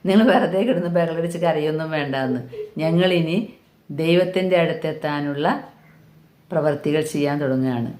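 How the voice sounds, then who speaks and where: A woman's voice: low-pitched, normal speed, a little mellow. A woman giving an earnest sermon, repeating phrases for emphasis. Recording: echoey room.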